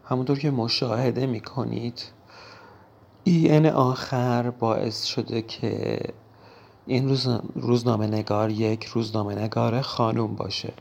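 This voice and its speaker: A man teaching a language vocabulary lesson, repeating each word slowly for pronunciation drill. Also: medium pitch, vocal fry, darkish tone.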